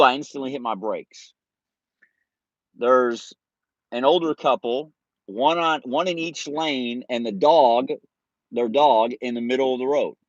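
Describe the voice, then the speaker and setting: A man in his forties tells a story to his viewers in a relaxed, joking way, with mild swearing and laughter. His voice sits at an ordinary middle pitch. The audio is dull and lo-fi, and it sounds dry and close. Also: no room sound. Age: 40s. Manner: laid-back, swears freely, laughs through his story. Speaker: streamer.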